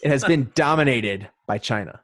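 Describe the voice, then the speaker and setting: Here a casual man hosts a trivia quiz in podcast-chat style, his mid-range voice animated and fairly bright at a normal speed. He reads the questions and options aloud and slips in jokes along the way.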